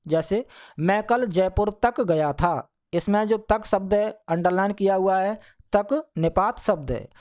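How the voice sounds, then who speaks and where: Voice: medium pitch, darkish tone. A teacher giving a grammar lesson to schoolchildren, speaking patiently and restating each point more than once. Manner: addresses the listeners as children.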